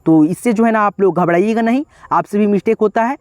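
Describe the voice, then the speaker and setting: A man's voice: high voice, a little fast, no echo. A man teaching an online lesson, patiently spelling out words piece by piece and often calling his viewers friends. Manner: repetitive, patient step-by-step spelling out. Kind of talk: whiteboard lesson.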